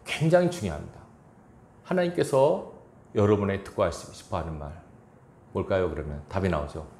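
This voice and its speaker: Male pastor, sermon, low animated voice, chuckles, echoey church hall, faint noise. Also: fairly quick. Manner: lively preaching with chuckles, acts out quoted lines. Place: church sanctuary.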